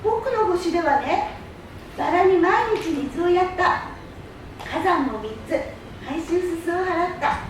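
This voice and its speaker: A very high, childlike voice of an earnest, curious boy prince acted by a woman in a staged reading. The delivery is expressive and storylike. It reaches the mic from afar in a very echoey hall with faint noise. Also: far from the mic, heavily acted. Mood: earnest, proud. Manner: deliberate, expressive storytelling with wondering questions. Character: little prince, earnest, curious young boy from a tiny planet. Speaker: stage reader.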